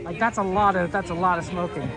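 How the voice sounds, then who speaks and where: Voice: mid-range voice, fast, low-quality recording. A livestream host chatting casually and jokily with viewers in a rambling way, outdoors at a theme park. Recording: loud music and crowd around.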